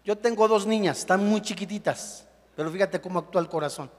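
A young adult man preaching a sermon as a pastor, animated, acting out the voices of the people he quotes. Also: sits high, brisk. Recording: long hall reverb.

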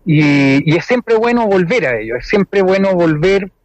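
With a high-pitched voice that swings widely in pitch, a man speaks unhurriedly as a phone-in guest on a radio interview, where he's a musician and ensemble director. The telephone audio comes through dull and dry, without any room sound.

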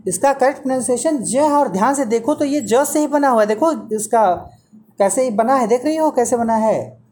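A man's voice: very high-pitched, moderate pace, darkish tone, a little hiss or hum. A man teaching Hindi pronunciation to a student one-on-one, patiently repeating sounds and correcting mistakes.

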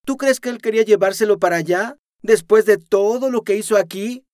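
A man's voice: sits low, little pitch movement, normal speed, no room sound, studio quality, natural voice. A man narrating an audiobook, voicing an indignant female accountant. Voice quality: sharp, indignant. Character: indignant middle-aged woman accountant.

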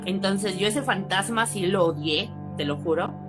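A woman with a Mexican accent tells a story in a relaxed chat, her voice at an ordinary middle pitch. She animates the tale, jumping into high voices when quoting people. Clear music plays behind her. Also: moderate pace. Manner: animated, acts out quotes with sudden high exclamations. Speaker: guest storyteller. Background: background music.

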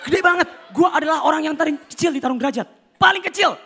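A young man performing a stand-up comedy routine, animated, acting out characters with sudden shouts and voice changes. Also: extremely high pitch, quick pace, gravelly.

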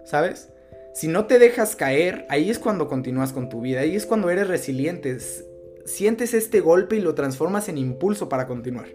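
A man's voice: a little high, expressive, normal speed, over music. A man with a Mexican Spanish accent hosting a podcast, giving earnest motivational advice, repeating his key phrases and swearing casually. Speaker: podcast host.

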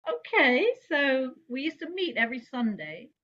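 An English jazz singer with a high, unhurried voice shares stories from her life in a casual interview. She's animated and laughs often, her voice jumping up whenever she quotes herself. The lo-fi recording sounds slightly dull.

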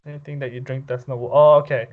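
A man's voice: mid-range voice, level tone, fast, phone-quality sound. A young man co-hosting a casual podcast over a call, curious, firing off follow-up questions and restarting his sentences. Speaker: podcast co-host. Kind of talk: casual chat. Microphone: remote call.

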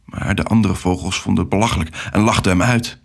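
A man narrating a children's story with an expressive, animated reading. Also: low-pitched, fast talker, creaky.

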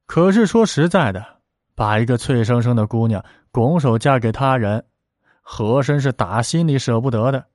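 A male storyteller narrating a historical tale with a lively, chatty rhythm. His voice sits at a middle pitch, recorded close and dry. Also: normal speed, no echo.

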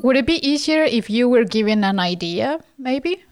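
A woman's voice: fairly high pitch, expressive, normal speed, darkish tone, no room sound, studio quality. A woman co-hosting a casual chat on a call, talking in a chatty way with light laughs. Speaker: co-host.

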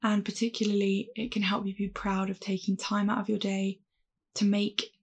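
A woman leads a calm grounding exercise as a guided mindfulness meditation, giving gentle, reassuring instructions in a husky, creaky voice. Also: mid-range voice, moderate pace.

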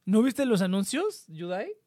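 A Mexican man in a casual group chat who teases his friends with crude slang. His intonation is animated and swings up and down. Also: high voice, unhurried, dry recording, studio quality.

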